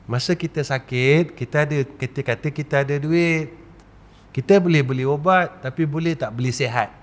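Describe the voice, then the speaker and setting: A man preaching a religious lecture in a Malaysian Malay accent, asking rhetorical questions and leading slow chanted recitations. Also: a little high. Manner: rhetorical questions, repeated 'tuan-tuan'.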